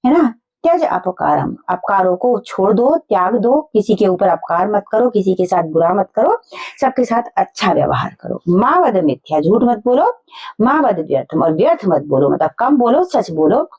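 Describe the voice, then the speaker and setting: A woman teacher explaining a school lesson to children, going slowly and repeating each point in simple words. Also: medium pitch, big pitch swings, darkish tone, dull audio.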